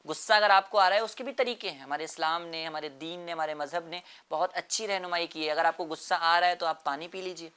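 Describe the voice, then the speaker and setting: A man's voice: fairly high pitch, hardly any pauses, pushed and bright, smooth. A man explaining a moral lesson to children in an earnest way, repeating phrases and often checking with "right?".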